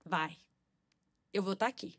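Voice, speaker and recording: A woman's voice: mid-range voice, unhurried, fairly bright tone. Upbeat woman interview guest. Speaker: marketing manager guest. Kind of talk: casual interview chat.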